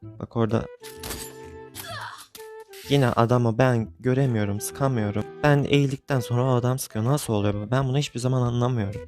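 A man's voice: mid-range voice, fairly even intonation, brisk, a little mellow, soft background music. Exasperated young man narrating his game. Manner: exasperated, grumbling, venting at the game. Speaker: gaming YouTuber. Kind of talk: frustrated live game commentary.

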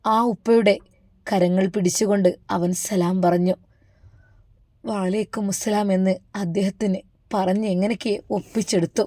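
A woman with a Malappuram accent narrating a story in an emotional, hushed way. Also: medium pitch, fairly even intonation, normal speed, no room sound. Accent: Malappuram Malayalam.

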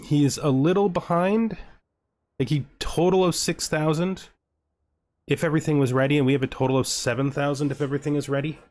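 With music in the background, a gaming video host plays a strategy game and thinks out loud in casual, self-directed commentary. His voice is on the high side and a little mellow, with fairly even intonation and a slightly fast pace.

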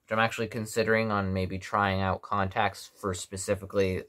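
A tired young man chatting casually to camera in a rambling, low-key way at home. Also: little pitch movement, a little fast, fairly bright tone. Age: young adult. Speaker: gas mask reviewer. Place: small living room at home, indoors.

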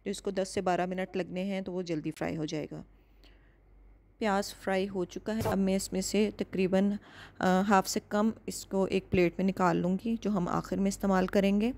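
A woman hosting a cooking channel calmly walks through a home recipe step by step, measured and instructive. Her voice is medium in pitch with some vocal fry.

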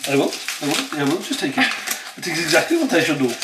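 Playful dad in an echoey kitchen. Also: male voice, a little high, sing-song, fast talker, background noise. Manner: playful, chatty, explaining each step. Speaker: father and vlogger. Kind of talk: casual home cooking vlog. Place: home kitchen. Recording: echoey kitchen with clattering dishes. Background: clinking cutlery, pots and dishes.

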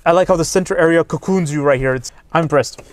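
A man's voice: a little high, fast talker. A man giving a casual, candid car review walkthrough, chatty with frequent fillers.

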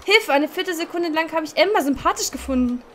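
A woman's voice: high-pitched, lively intonation, fast talker, a bit bright, slight background noise. Playful woman reading a game aloud. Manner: playful, laughing at her own slips. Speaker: let's-play host. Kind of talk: reading a dating game aloud, voicing every character.

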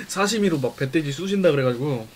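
A man's voice: on the high side, lively intonation, normal speed, slight background noise. A young man live-streaming a meal, reacting to viewer chat with teasing, laughing remarks and muttering between bites. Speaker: mukbang streamer.

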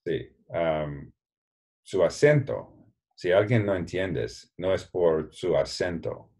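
A very deep-voiced man with an American accent speaks slowly and carefully, mixing learner's Spanish with English. He sounds encouraging as he explains his language program over a video call. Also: expressive, darkish tone, slightly rough. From United States. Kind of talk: casual bilingual video call chat.

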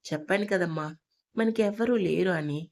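A woman voicing a soft-spoken, tender mother. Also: lowish voice, moderate pace, lightly acted. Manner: soft, gentle. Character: tender young single mother, quietly sad.

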